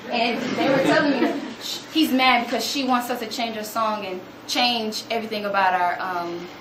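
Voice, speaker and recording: A young woman tells stories to a room, animated and quick to act out what people said. Her voice sits a little high. The room is echoey, and there is clear noise behind her. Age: young adult. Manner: animated, acts out quotes in a higher voice. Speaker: student speaker. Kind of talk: storytelling talk to an audience. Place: room with an audience.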